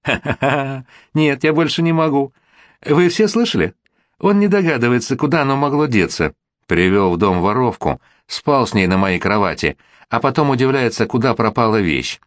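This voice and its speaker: A man voicing a hysterical, wounded middle-aged wife, shrill and mocking, in a read-aloud story. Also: lively intonation, moderate pace, fairly bright tone, dry recording, clean studio sound.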